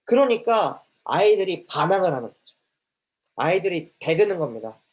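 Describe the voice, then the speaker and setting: A man's voice: high-pitched, sing-song, moderate pace. A man preaching a sermon to a children's ministry, emphatic, with repeated phrases that rise and fall.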